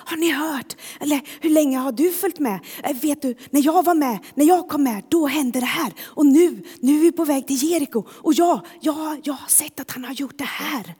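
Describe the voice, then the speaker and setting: A woman's voice: high voice, hardly any pauses, warm tone, in a large hall, voice pushed up, lightly acted. A woman playing eager, chattering followers. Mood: excited. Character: excited followers chattering on the road.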